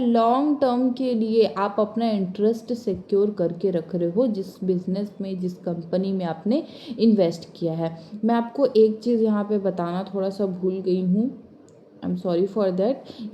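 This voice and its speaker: A woman teaching commerce in a bilingual exam-prep lecture, reading English lines slowly and then explaining quickly, often stopping to check that her students follow. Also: mid-range voice, muffled recording, slight background noise. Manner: repeats points with frequent check-ins.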